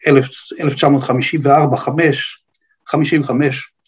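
In a level tone and at medium pitch, an older Israeli guest with a slightly husky, accented voice describes history spontaneously. He grew up on a kibbutz and speaks in careful, halting phrases.

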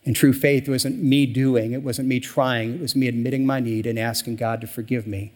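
A man's voice: mid-range voice, level tone, moderate pace, darkish tone, big-room sound. A man preaching a sermon in a church, talking in a loose, conversational way with fillers and restarts. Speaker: pastor. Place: church sanctuary.

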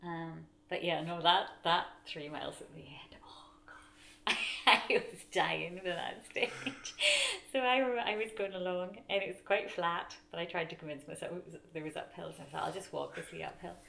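A woman's voice: lowish voice, normal speed, vocal fry, sharp tone. A woman with a Donegal accent from the north-west of Ireland, chatting casually and self-deprecatingly as she tells her stories. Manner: chatty, self-deprecating, often laughs while talking. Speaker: interview guest, mountain runner. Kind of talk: casual chat, telling race stories.

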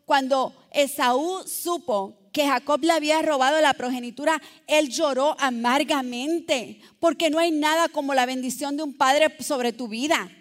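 A woman preaching a sermon, exhorting her listeners and swinging between loud calls and soft, low asides.

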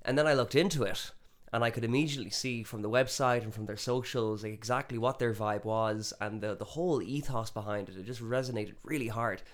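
A man from Galway with a west of Ireland accent, speaking in a middling pitch. He chats casually as an interview guest, telling his story with enthusiasm and local turns of phrase. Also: brisk, few pauses. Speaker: interview guest, musician and performance poet.

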